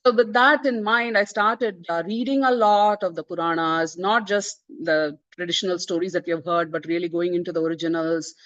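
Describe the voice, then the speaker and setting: An earnest Indian woman whose first language is Tamil presents her book in an online talk. Her lowish voice is steady and a bit bright, moving at a moderate pace with hardly any pauses, and the sound is dull and dry with no echo. She often says "uh" and "you know" and restarts her sentences.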